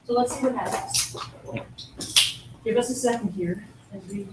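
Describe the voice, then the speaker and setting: A woman founder giving a business pitch and walking the audience through a live demo, explaining things step by step. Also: moderate pace, heavy background noise. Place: event room at a startup pitch night. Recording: echoey room from far off.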